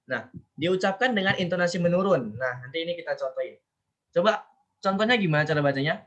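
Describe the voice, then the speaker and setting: A man teaching a casual online language class, chatty, often drawing out example phrases slowly to show their intonation. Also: on the high side, expressive, fairly bright tone, highs cut off. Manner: chatty, rambling asides. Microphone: online class call.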